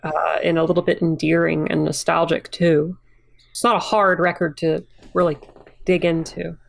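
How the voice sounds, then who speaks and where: Blunt, measured female podcast co-host with a low, gravelly voice. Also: flat delivery. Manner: measured verdicts, blunt teasing. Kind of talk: casual album review chat.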